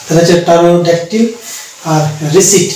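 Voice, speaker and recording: A man's voice: sits high, fairly even intonation, a little mellow, recorded from a distance, slight background noise. Man teaching in an echoey room. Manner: slow, repetitive explaining with fillers. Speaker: English teacher. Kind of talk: pronunciation lesson.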